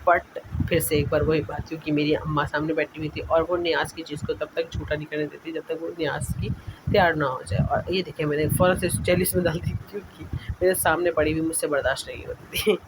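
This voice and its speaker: A man's voice: a little high, steady tone, a little fast. Chatty young man with a noisy recording. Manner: chatty, rambling, self-correcting. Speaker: vlogger. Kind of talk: casual vlog voice-over.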